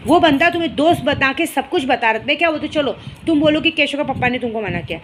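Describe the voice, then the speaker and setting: Speaking fast in a high, lively voice, a young vlogger addresses a rival directly to camera. Her monologue is emotional and heated as she confronts and scolds the other person, with faint noise in the background.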